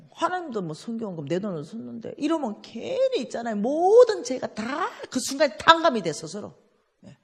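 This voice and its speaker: Animated woman preaching in Gyeongsang dialect. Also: mid-range voice, creaky, slightly rough, long reverb tail. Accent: Gyeongsang Korean. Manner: animated storytelling, acting out dialogue. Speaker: church finance speaker. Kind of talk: lively testimony sermon.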